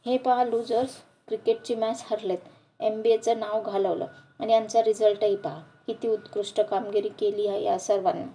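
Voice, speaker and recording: A woman's voice: mid-range voice, fairly even intonation, moderate pace, mellow, slight background noise, lightly acted. Woman voicing a stern scolding lady professor. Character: strict scolding female college professor.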